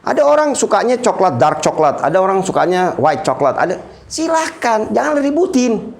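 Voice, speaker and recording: A man's voice: sits high, normal speed, vocal fry. A man giving a casual religious talk, joking and acting out the people he quotes. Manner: animated, joking, quotes people in lively voices. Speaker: preacher.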